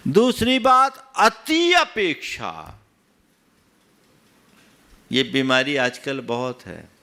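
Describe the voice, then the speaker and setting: A man's voice: medium pitch, very animated, extremely slow, pushed and bright. A man, a monk, giving a sermon that questions his listeners and teaches through everyday anecdotes. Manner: asks the audience rhetorical questions. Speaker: Jain monk preacher.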